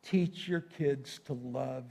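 A man's voice: mid-range voice, slow, darkish tone, slightly rough. A man preaching to a congregation as a pastor, speaking emphatically and directly to his listeners in a folksy way, repeating phrases for effect. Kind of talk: sermon to a congregation.

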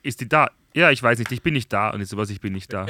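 Fast-talking animated man. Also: medium pitch. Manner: animated storyteller, acts out dialogue. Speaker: podcast host. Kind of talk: casual chat.

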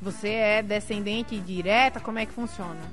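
A woman hosting a live-streamed interview, chatting lively and reading out viewer messages. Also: mid-range voice, normal speed, soft background music. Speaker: interview host.

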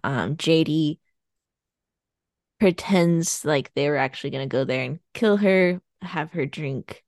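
A woman podcast co-host speaks slowly in a low, darkish tone, casually meandering through a plot summary with fillers and laughs. The recording is studio quality with no echo.

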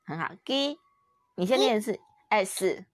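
In a home-recorded French lesson, a patient young mother coaxes her toddler through new words, playful and encouraging throughout. Her Taiwanese Mandarin accent comes through a medium-pitched, expressive, unhurried voice, captured at studio quality without any room sound.

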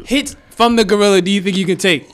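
A man's voice: high voice, steady tone, fast talker. A young man hosting a casual podcast chat, asking skeptical questions.

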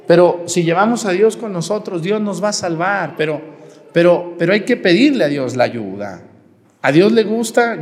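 A man's voice: fairly high pitch, darkish tone, in a large hall. A man with a Mexican Spanish accent, a parish priest giving a sermon and putting questions to the congregation in a conversational way. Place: church.

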